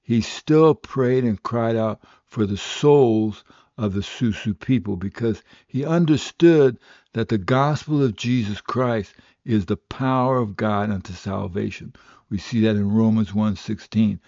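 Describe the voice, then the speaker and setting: An older male radio pastor delivers a sermon in an earnest, unhurried storytelling voice. His tone sits on the low side and sounds warm and mellow. The recording is dry and a little dull, like an old radio broadcast. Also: dry recording. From West Africa. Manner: earnest, steady preaching storytelling. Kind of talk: radio sermon with personal testimony.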